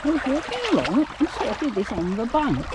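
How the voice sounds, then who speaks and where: A vlog co-host with a fairly high voice and big pitch swings muses aloud at a moderate pace as she searches a stream bank in the woods. Curious and casual, she asks viewers what they think. Heavy background noise fills the outdoor recording.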